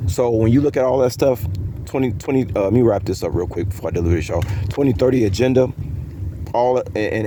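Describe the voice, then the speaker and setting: A man's voice: lowish voice, noisy background. A man talking to his viewers in a casual, rambling, conspiratorial vlog monologue, full of fillers and restarts. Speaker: vlogger.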